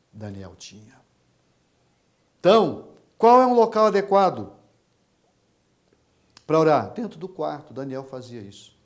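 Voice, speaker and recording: A middle-aged Brazilian man preaching a sermon as pastor, swinging from hushed, low-key passages to loud, impassioned ones. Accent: Brazilian Portuguese.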